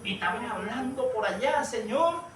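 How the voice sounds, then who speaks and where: Man, preacher, high voice, storytelling sermon, recorded from a distance in a roomy hall. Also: expressive, moderate pace. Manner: storytelling, addresses listeners as brother, rises to shouts. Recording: echoey room, far from the mic, light noise.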